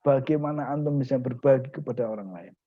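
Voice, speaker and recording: Man preaching a lively story sermon. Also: mid-range voice, quick pace, narrow, tinny audio. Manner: acts out voices of the people in his stories.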